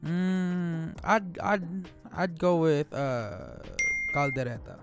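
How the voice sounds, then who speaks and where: A man in his late twenties co-hosting a casual Q&A video with his partner, talking in a relaxed, joking way with lots of fillers. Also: on the high side, takes it slowly, loud music behind the voice. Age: 20s. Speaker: co-host of a couple's channel. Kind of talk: casual Q&A chat. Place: small home studio room. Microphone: studio microphone on a stand, close.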